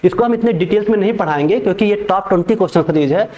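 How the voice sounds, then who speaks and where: High-voiced male teacher. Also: darkish tone, dull audio. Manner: repeats each point in Hindi and English, reads English lines slowly. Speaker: pharmacy teacher. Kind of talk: exam-prep lecture.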